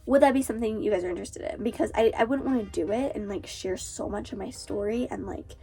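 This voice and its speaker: With a stuffy, nasal nose from a cold, a teenage author and booktuber talks fast at a medium pitch. Her tone is dark with a breathy edge, her casual chat loaded with "like," and soft music plays in the background.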